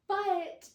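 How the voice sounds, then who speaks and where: A book reviewer chats casually and gushes about books, laughing frequently, in an extremely high-pitched voice. The sound is roomy, from a distant mic.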